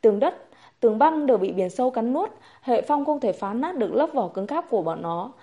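Female audiobook narrator, steady storyteller, fairly high, mellow voice. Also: fairly quick, breathy edge, lo-fi sound. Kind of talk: novel narration.

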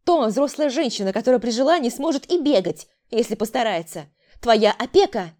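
A woman's voice: a little high, expressive, brisk, darkish tone, pitched above the performer's own voice, close to an everyday voice. A woman voicing a stern older sister, a doctor, who interrogates and gives orders in a raised voice. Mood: angry. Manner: commanding, interrogating.

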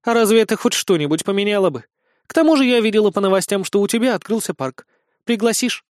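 A man's voice: sits high, expressive, fast, dry recording, studio quality, pitched above the performer's own voice. A man voicing a playful, confident young empress who teases affectionately. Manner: teasing, affectionate.

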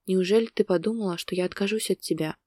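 A woman's voice: mid-range voice, fast, a little mellow, no echo, studio quality, natural voice. Woman voicing Valera, a tense anguished man. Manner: tense, urgent, speaking through gritted teeth. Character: distraught adult man, restrained but emotional lover.

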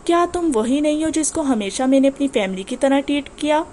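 A woman's voice: high voice, expressive, darkish tone, a little hiss or hum. A woman doing a cold, arrogant rich man. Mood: menacing.

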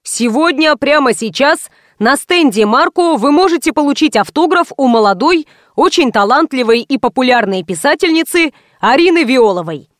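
Formal fair announcer, read by a woman, ceremonious, a bit high, dry. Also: expressive, normal speed, few pauses, no echo. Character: formal fair announcer over loudspeaker, male or female.

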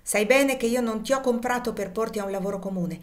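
A woman's voice: a little high, quick pace, pitched above the performer's own voice, lightly acted. Legree, a brutal plantation master, as a woman puts him on. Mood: furious. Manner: harsh, shouting, scornful. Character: cruel brutal male plantation master, middle-aged.

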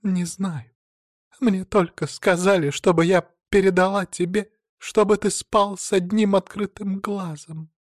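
A man voicing a deceitful young woman who feigns tearful fright, in a high, trembling, pleading voice, in an audiobook reading. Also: fairly even intonation, a little slow, no room sound, clean studio sound.

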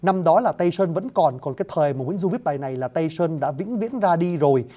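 A man's voice: a little high, expressive, fast talker, dark tone. A man giving a spoken lecture on classical poetry, explaining it word by word and often addressing his listeners politely, with hesitant fillers.

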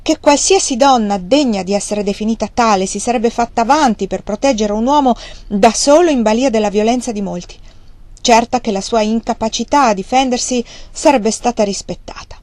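A woman's voice: fairly quick, darkish tone, no room sound, close to an everyday voice. A woman reading aloud, voicing a proud young Victorian woman who answers with indignant dignity. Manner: raised pitch, tearful indignation.

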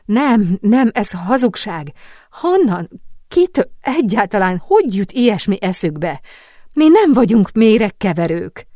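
A woman voicing a frightened young woman who pleads and protests in a high, agitated voice. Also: big pitch swings, dark tone, dry recording, studio quality. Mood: desperate.

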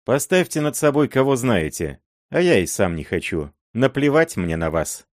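Man reading sly robber chief, folksy, lively rise and fall, dry close sound. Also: mid-range voice, normal speed, no room sound, voice pushed up, close to an everyday voice. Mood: gruff persuasion. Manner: folksy, persuasive, earthy. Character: shrewd older male robber chief, blunt.

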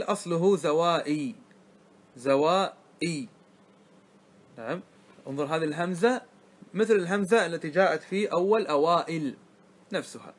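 A man teaching a classroom grammar lesson, often asking his students questions to check they follow, and drawing out words slowly to spell out their forms. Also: fairly high pitch. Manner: checks understanding with frequent questions.

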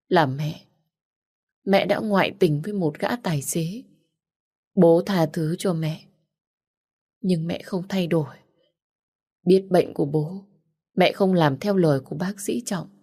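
A woman voicing a remorseful, dying older mother who confesses in halting, tearful phrases, read for an audiobook. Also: fairly low pitch, darkish tone, breathy edge, heavily acted. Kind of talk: audiobook character reading.

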